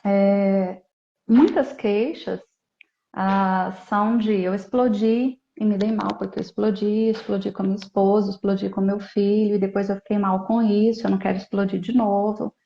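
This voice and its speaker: A woman therapist speaks as a guest on a live video call, calm and explanatory, often checking in with short tags. Her voice is mellow and soft-edged. The call sounds dull and echoey. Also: mid-range voice, normal speed, vocal fry. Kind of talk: live online interview.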